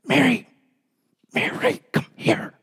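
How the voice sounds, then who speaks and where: An irritated woman, as a male preacher puts her on, hisses sharp, scolding whisper-yells at a sister who won't help. The voice rides higher than his own, breathy and hushed yet forceful, nagging and fed up. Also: brisk, full character voice. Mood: exasperated.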